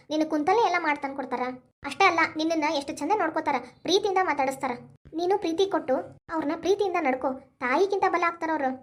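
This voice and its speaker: A woman's voice: sits high, close to an everyday voice. A woman voicing a firm, wise middle-aged mother in a cartoon, lecturing with a North Karnataka accent. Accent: North Karnataka Kannada. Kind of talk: cartoon voice acting.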